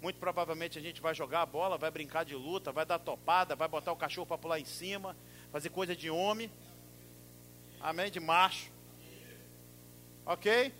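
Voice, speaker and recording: A middle-aged man preaching a sermon, emphatic, swinging from loud exclamations to soft asides. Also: on the high side, normal speed, long pauses, a little hiss or hum.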